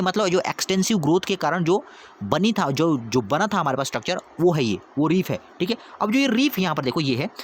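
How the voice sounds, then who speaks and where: A man's voice: high voice, slight background noise. A man teaching a lesson step by step, asking questions and answering them himself, often checking that students follow. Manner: explains step by step, constantly asking and answering his own questions; repeats 'theek hai?' to check understanding. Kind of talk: whiteboard lesson.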